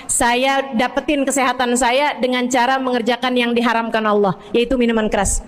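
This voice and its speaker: A woman preacher voicing a pious older scholar who answers calmly and firmly. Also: fairly high pitch, fairly quick, natural voice. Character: pious scholar, older man, calm and firm. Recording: long hall reverb.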